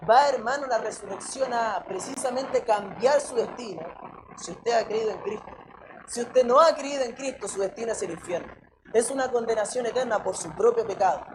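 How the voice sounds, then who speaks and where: A woman's voice: a little high, moderate pace. Woman preacher, Chilean accent, emphatic sermon, rhetorical questions, background noise in the recording. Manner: emphatic, asks many rhetorical questions, keeps addressing listeners as brother.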